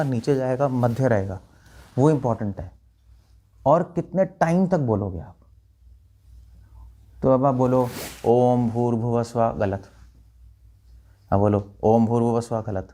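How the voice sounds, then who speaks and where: Man, monk lecturing, mellow warm tone, quizzes audience, demonstrates chanting. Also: medium pitch. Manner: questioning listeners, demonstrating chants. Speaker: monk teacher. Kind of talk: spiritual talk to an audience.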